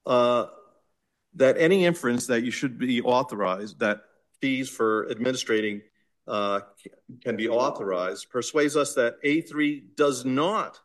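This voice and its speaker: Boston-accented man arguing in court. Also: medium pitch. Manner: measured, insistent legal argument. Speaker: attorney arguing an appeal. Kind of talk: courtroom oral argument.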